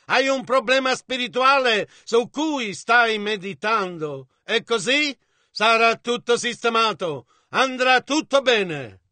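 A man reading an Italian voice-over of a sermon in a measured, even way on a close mic. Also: very high-pitched, no echo. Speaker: interpreter voice-over.

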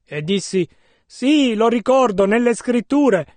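A man interpreting a sermon, rendering it phrase by phrase in a measured, careful way. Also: very high voice, lively intonation, a little mellow, no room sound.

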